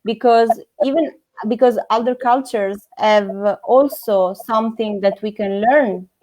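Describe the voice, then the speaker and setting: A woman speaks in a fairly high voice, taking her time over every answer. She pauses often and restarts her sentences as she searches for the right words. Her tone is reflective, like someone thinking out loud in an interview. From Italy. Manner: hesitant, searching for words with many fillers and restarts. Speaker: interviewee, former NGO volunteer.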